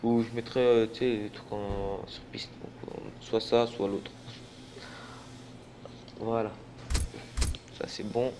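A man's voice: lowish voice, little pitch movement, slow pace, pauses often, mellow. A tired young man giving casual gameplay commentary, rambling, stumbling over his words and swearing often. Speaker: gaming channel host. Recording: noisy, racing game engine sounds behind. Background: racing game car and engine sounds.

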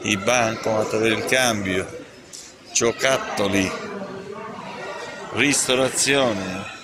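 Strolling through a big indoor mall, this male travel vlogger gives a casual walking-tour narration that's playful, enthusiastic and teasing. He speaks on the low side and very slowly, with the mall's noise all around.

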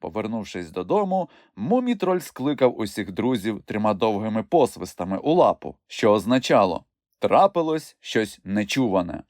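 A man narrates a children's storybook with a lively, sweeping intonation. He is recorded on a studio mic and sounds close and dry. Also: lowish voice, normal speed, hardly any pauses, no room sound. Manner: expressive, storytelling. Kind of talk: audiobook narration.

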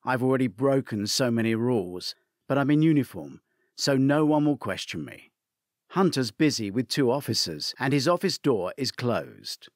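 A man reading a mystery novel aloud in the first person, his pitch rising and falling freely. His medium voice sits close to the mic in a dry, dead space. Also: normal speed, no room sound. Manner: expressive storytelling. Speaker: narrator. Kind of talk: first-person audiobook narration.

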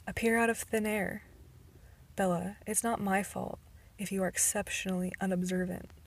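Teasing teen boy, calm and quiet, flat delivery, breathy edge, read by a woman. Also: medium pitch, normal speed, natural voice.

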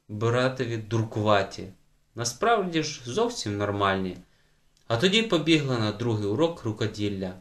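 A man narrating a children's audiobook with lively, varied emphasis. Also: medium pitch. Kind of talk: scripted narration.

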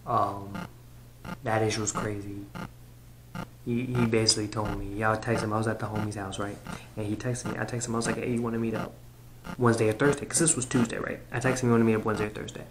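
A man's voice: lowish voice, level tone, quick pace. Slangy young man telling a rambling story. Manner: loose, slangy, repeats himself. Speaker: reaction video host. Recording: noisy home recording with clicks.

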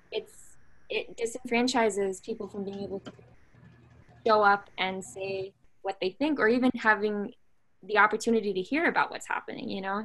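Young woman moderator on a video call; mid-pitched, measured, articulate. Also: fairly bright tone, rough recording.

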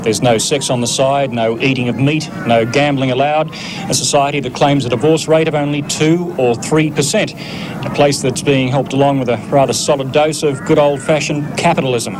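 A man's voice: medium pitch, fairly even intonation, moderate pace, noisy background. A male reporter asking blunt, teasing questions of visitors outdoors. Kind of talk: field interviewing.

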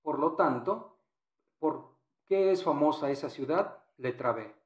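A man explains exam answers in a patient, repetitive way, often translating phrases. He talks slowly, with a voice pitched a little high for a man. The room around him is echoey. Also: expressive. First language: Spanish. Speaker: English teacher.

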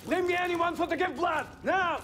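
A man playing a frantic, commanding field surgeon in a video game. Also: normal speed. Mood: frantic, urgent. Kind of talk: dramatic video game acting. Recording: loud clatter and rumble behind voice.

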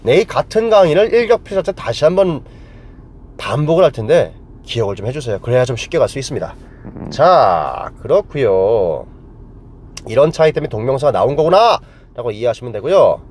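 A man's voice: medium pitch, big pitch swings, a little fast, darkish tone. A man teaching English grammar to a class, playful and joking, quizzing students with silly memory tricks.

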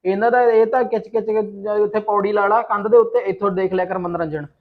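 A man's voice: high-pitched, fairly even intonation, a little fast, lightly acted. A man playing a lecturing village husband in an amateur short film, with a scornful tone. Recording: dull lo-fi sound.

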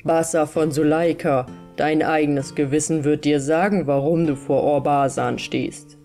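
A woman's voice: sits low, fairly even intonation, unhurried, dark tone, faint music behind. A woman voicing a stern, commanding robber chief who barks out wrathful orders in a storybook reading.

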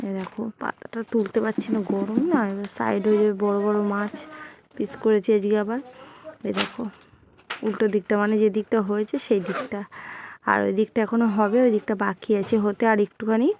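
A woman in a casual cooking vlog, talking softly and slowly in a tired, hoarse voice because she feels unwell. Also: mid-range voice, little pitch movement, slight background noise. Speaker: cooking vlogger. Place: home kitchen.

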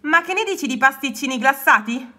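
A woman voicing a kind, gentle male bear in a storybook reading, speaking softly. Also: high-pitched, expressive, a little fast, voice pushed up.

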